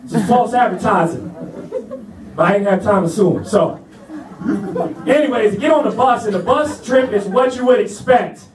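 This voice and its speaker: A man with a very high voice tells a stand-up story in a laid-back, chatty way, often checking in with the crowd. He sounds far from the mic in a roomy club. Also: moderate pace, pauses often. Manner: laid-back, chatty, asks the crowd "you know what I'm saying". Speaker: stand-up comedian. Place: comedy club stage.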